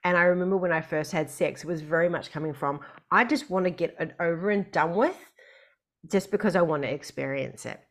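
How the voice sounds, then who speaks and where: A woman's voice: on the low side, fairly quick. A woman hosting a podcast in a conversational way. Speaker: podcast host.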